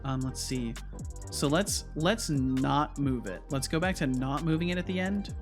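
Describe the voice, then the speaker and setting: Guy with a slightly high voice on a coding stream, thinking out loud, faint music behind. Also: measured pace. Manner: thinks aloud, hums to himself. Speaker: game developer livestream host. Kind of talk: casual livestream chat while coding.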